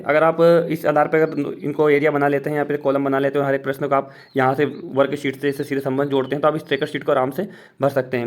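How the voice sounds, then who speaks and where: A man teaching fellow teachers, explaining step by step as he points through a worksheet in a casual walkthrough. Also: a little high.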